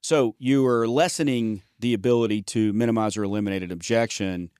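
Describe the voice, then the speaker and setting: A man with a fairly low voice chats casually as a co-host about sales. His manner is folksy and joking, and he often breaks off mid-word to start again. The sound is dry and close to the mic. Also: brisk, a little mellow, clean tone, no echo. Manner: folksy, joking, trails off and restarts words. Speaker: podcast co-host and sales trainer. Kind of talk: casual conversational chat.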